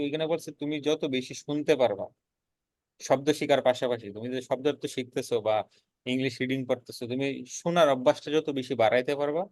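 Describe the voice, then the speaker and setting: A man's voice: medium pitch, no echo. A young man, telling the story of his freelancing career in an earnest, casual way and often repeating words as he builds a point. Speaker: freelancer guest.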